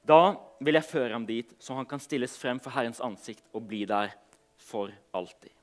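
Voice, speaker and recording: A man preaching a sermon, reading scripture aloud and then talking casually with some hesitation, letting his phrase endings trail off softly. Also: mid-range voice.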